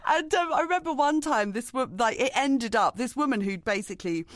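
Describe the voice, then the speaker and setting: A woman's voice: high voice, animated, a little fast, no room sound, studio quality. Chatty British woman on a podcast. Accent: British English. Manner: chatty, laughs often while telling stories. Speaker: podcast co-host. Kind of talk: casual chat.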